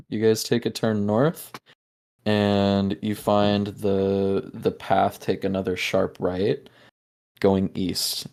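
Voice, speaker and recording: A man's voice: fairly low pitch, a little mellow. A man narrating as game master in a tabletop game, talking casually with many fillers and restarts.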